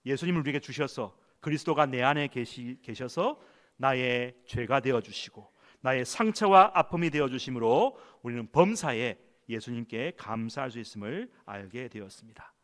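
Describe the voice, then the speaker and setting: Lively-voiced Korean pastor preaching. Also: male voice, medium pitch, moderate pace. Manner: emphatic, calls congregation to read along. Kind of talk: sermon. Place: church sanctuary.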